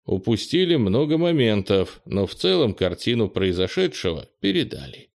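A man narrating a fantasy novel as an audiobook with an even, steady reading. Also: lowish voice, moderate pace, vocal fry, no room sound, clean studio sound.

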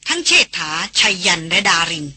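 An audiobook narrator reading a novel in a steady storytelling manner. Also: fairly quick, dry recording. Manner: steady storytelling, voicing each character.

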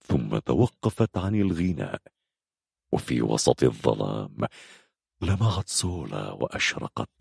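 Deep-voiced male storyteller, animated and expressive, dry booth sound. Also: gravelly, breathy edge, no echo. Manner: expressive, dramatic reading. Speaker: narrator. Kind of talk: storybook narration.

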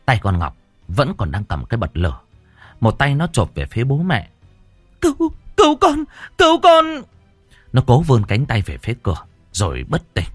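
A man's voice: lowish voice, sing-song, brisk, slightly rough, no echo, faint music behind. A man narrating a horror audiobook story in a dramatic, swinging manner.

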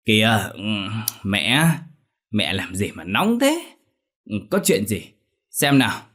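A man voicing a calm man of about thirty who speaks unhurriedly in a storybook tale. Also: on the low side, slow pace, breathy edge, heavily acted. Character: calm man around thirty, the moneylender's son.

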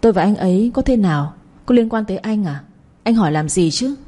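A woman's voice: medium pitch, lively intonation, fairly quick, dark tone, natural voice. A woman reading the lines of a guarded middle-aged mother who answers curtly and defensively in an audio story. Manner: curt, defensive.

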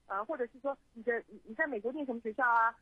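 Woman, forties, husky, dry, lively guest storytelling. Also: a little high, rapid-fire, no echo. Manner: lively storyteller, many fillers and restarts. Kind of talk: animated storytelling interview. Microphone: phone call. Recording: tinny phone line.

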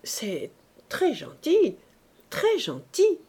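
A woman's voice: on the high side, big pitch swings, measured pace, a little mellow. A woman reading the part of a fussy, chattering lodger wife in an audiobook, in an eager, wheedling manner.

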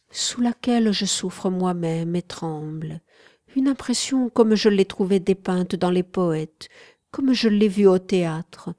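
A woman reading an audiobook, voicing a tender noblewoman who speaks softly and with measured compassion. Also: fairly low pitch, no room sound, studio quality, close to an everyday voice.

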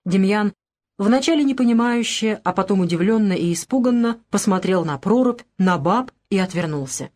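A woman reading a literary story aloud as narrator, steady storytelling. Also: mid-range voice, normal speed. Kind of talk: audiobook narration.

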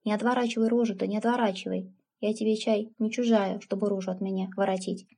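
A woman's voice: mid-range voice, fairly even intonation, quick pace, creaky, mellow, husky. A woman voicing a blunt, stubborn older village aunt who scolds and mocks in folksy speech. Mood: scolding.

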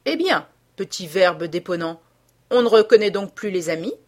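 A woman's voice: medium pitch, sing-song, moderate pace, a little mellow. A woman playing a sneering corpse-like blackmailer. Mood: mocking. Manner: sneering, overly familiar, taunting. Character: sinister corpse-like male blackmailer, mocking.

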